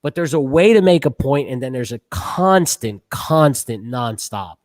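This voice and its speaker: A man's voice: medium pitch, expressive, a little slow, no room sound, clean studio sound. A man co-hosting a sports podcast, arguing his points in a casual, emphatic and repetitive way.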